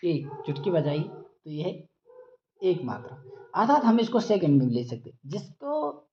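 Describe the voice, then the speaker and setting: A male Sanskrit grammar teacher giving a slow lecture, chanting rules and then explaining them, and stretching vowels out to show their length. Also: on the high side, creaky. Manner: drawls out vowels to demonstrate length. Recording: dull lo-fi audio.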